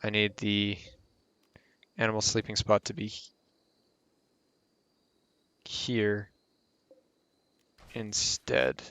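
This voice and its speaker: A man's voice: lowish voice, little pitch movement, drawn-out words, long pauses, a bit bright, clear, resonant tone, no room sound. A man hosting a casual gameplay tutorial who rambles and corrects himself mid-sentence as he explains. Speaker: game tutorial host.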